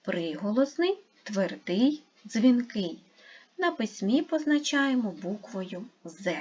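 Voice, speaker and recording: Slow, husky woman teaching young children. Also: fairly high pitch, big pitch swings, a little mellow, muffled recording. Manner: slow, careful, spelling out sounds and syllables. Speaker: primary school teacher. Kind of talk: online lesson for young pupils.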